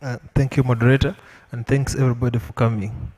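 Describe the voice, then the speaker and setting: A man with a Ugandan accent, on a panel at a public lecture, gives an unplanned answer to the audience in a measured, emphatic style with repetition. His medium-pitched voice has a level, darkish tone and is a little weak from illness. The hall produces a long, echoing reverb.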